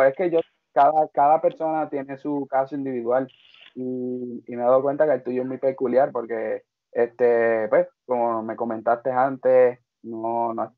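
A man interviews a guest in a friendly, chatty way, with plenty of fillers between his questions. His voice sits at an ordinary pitch. It comes through a narrow, phone-like band. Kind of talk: casual interview chat.

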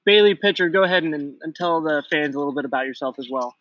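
A man with a bright, somewhat high voice hosts a relaxed food podcast at home. He steers the talk, asks the others questions and drops goofy jokes at his own expense. The sound is close and dry. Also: quick pace, dry recording, rough recording. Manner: joking, self-deprecating, leads the questions. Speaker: podcast co-host. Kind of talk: casual chat. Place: home, at night.

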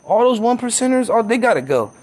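A man's voice: very high-pitched, very animated, a little fast, darkish tone. A young man talking in a heated, profane, rambling rant as a self-described conspiracy theorist. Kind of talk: casual rant.

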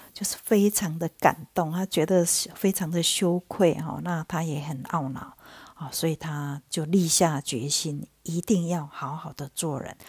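A woman's voice: low voice, darkish tone, husky, dry recording. A woman casually retelling the plot of a stage musical, full of fillers, slipping into the characters' lines as she goes. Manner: loose, chatty retelling with many fillers, acting out quoted lines. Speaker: podcast host.

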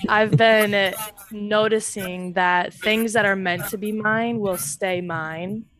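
A woman's voice: medium pitch, steady tone, slow pace, fairly bright tone, faint music behind. A woman hosting a podcast in a casual, rambling chat with many fillers and easy laughter. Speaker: podcast host.

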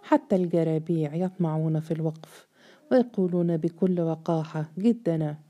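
A woman voicing a furious, contemptuous male estate overseer who shouts insults and interrogates sharply. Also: low voice, steady tone, normal speed, close to an everyday voice. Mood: enraged.

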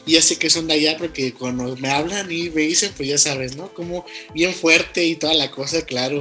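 With a mid-range, pushed and bright voice at normal speed, a podcast host from León, Guanajuato, Mexico chats with a guest in a friendly, rambling way, carrying that region's accent. Soft music plays in the background of this casual interview.

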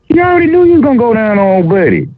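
Man in casual debate, lively pitch, slightly high; lo-fi sound. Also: racing, no room sound. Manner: argumentative, working through an argument. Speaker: podcast co-host. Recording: lo-fi audio.

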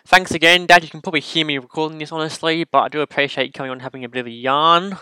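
Bright, clear Australian bloke rambling tips. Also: male voice, fairly high pitch, fairly even intonation, racing, no echo. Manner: rambling, self-correcting, joking. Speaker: podcast host giving racing tips. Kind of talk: casual solo podcast chat. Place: home room.

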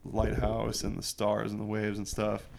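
A man's voice: on the low side, completely flat delivery, a little slow, creaky, very noisy. A young man telling stories in a casual chat, rambling and slangy, packing every sentence with fillers and swearing. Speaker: guest telling tattoo stories.

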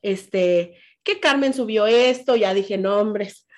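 A middle-aged woman with a Mexican accent, hosting a podcast and chatting casually in an animated way, with lots of fillers and quoted asides. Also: medium pitch, slow pace, a little hiss or hum. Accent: Mexican Spanish. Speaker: podcast host. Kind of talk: casual chat.

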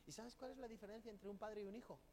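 A man's voice: high-pitched, fast talker, mellow, slight background noise. A man from preaching a sermon, emphatic, asking rhetorical questions and acting out quoted people. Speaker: pastor.

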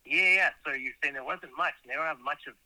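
A man calling in to a casual chat show, heard through a phone on speakerphone, chatty and quick to laugh. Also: on the high side, bright, forceful tone, dry recording, rough recording. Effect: heard over a phone on speakerphone. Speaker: caller.

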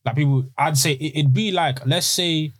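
A man's voice: on the high side, moderate pace, breathy edge, no echo. A man with a London roadman accent chatting casually and giving emphatic, slangy opinions as a podcast panellist. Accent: London roadman, multicultural London English. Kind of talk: casual chat, opinionated storytelling.

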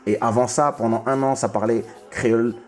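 A man's voice: mid-range voice, fairly even intonation, fairly quick. A man born in the Congo hosting a casual music interview, talking with many restarts and repeated words. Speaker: host.

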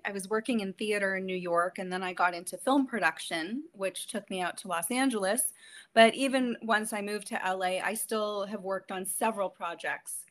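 A guest actress in her thirties from Ontario, Canada, chats casually in an interview, telling stories and laughing often. Her voice is mid-range with a fairly bright tone.

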